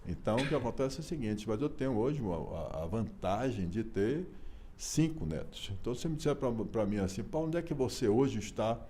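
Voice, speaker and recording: A Brazilian man in his sixties, an author being interviewed, talking in an animated, emphatic way with rhetorical questions. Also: mid-range voice, a little fast, a little hiss or hum. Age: 60s. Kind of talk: casual conversational interview.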